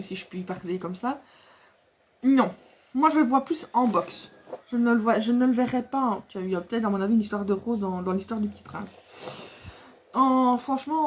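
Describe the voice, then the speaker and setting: A woman chats casually to camera about her craft supplies in a slightly high voice. She rambles and loses her thread, fills gaps with hesitations and laughs often. A faint hiss sits behind her voice. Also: darkish tone. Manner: rambling and chatty, with many fillers and restarts; laughs often while talking. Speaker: scrapbooking vlogger showing a craft haul.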